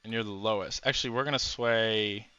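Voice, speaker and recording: A man's voice: fairly low pitch, fairly even intonation, brisk, bright, forceful tone, clear, resonant tone, no room sound, highs cut off. A man giving casual commentary while playing a strategy game, musing aloud with frequent fillers. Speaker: gameplay commentator.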